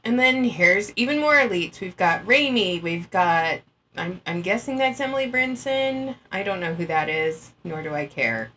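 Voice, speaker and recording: A woman's voice: mid-range voice, animated, moderate pace, a bit bright. A woman giving casual, blunt and dismissive commentary, talking through an earbud mic. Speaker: anti-MLM commentator.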